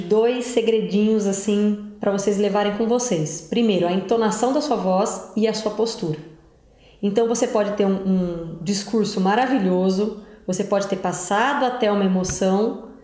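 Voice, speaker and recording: A woman's voice: mid-range voice, a little mellow. Woman presenter, casual and direct advice tone, roomy echo. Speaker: career tips presenter.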